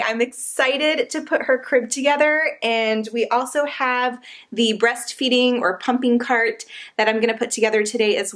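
Breathless, chatty woman vlogging at home. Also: a little high. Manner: upbeat, chatty. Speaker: family vlogger. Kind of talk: casual vlog talk to camera. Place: nursery room at home, indoors.

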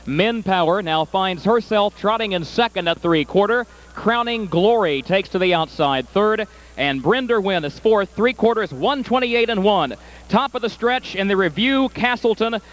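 A man working as a harness race caller, giving live commentary with clearly announced names and positions. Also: sits high, a bit bright, rough recording.

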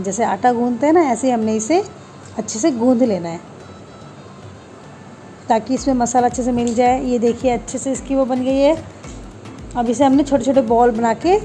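A woman narrates a home recipe, explaining every step plainly and homely. Her voice sits a touch high yet sounds mellow and warm in tone, with faint background music. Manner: homely, talks viewers through each step. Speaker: home cooking channel host.

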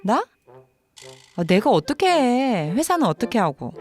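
In a dramatized story video, a woman plays a practical working wife and daughter-in-law, pointed, sarcastic and matter-of-fact. Her voice is on the high side and very animated, a little slow, with music behind it.

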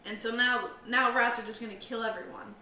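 Young woman podcast co-host, rambling and self-deprecating, bright tone, echoey room, faint hiss. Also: on the high side, fairly even intonation, fairly quick. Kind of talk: casual chat. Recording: roomy, slightly distant mic with faint hiss.

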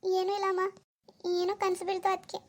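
Woman doing a sulky young cartoon girl, super high voice, mumbling sadly to herself. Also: completely flat delivery, fairly quick. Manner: soft, gloomy muttering to herself. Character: young village woman, unhappy, worried. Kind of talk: cartoon voice acting.

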